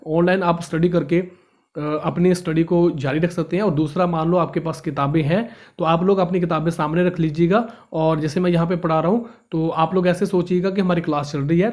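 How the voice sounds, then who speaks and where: A man with a high voice teaches from a textbook, speaking to his students as friends. He reads each passage aloud and then goes back over it in easier words. He often trips over a word and starts it again. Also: fairly even intonation, fairly quick, darkish tone. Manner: reads a line, then explains it in simpler words; often stumbles and restarts words. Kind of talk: reading and explaining a textbook lesson.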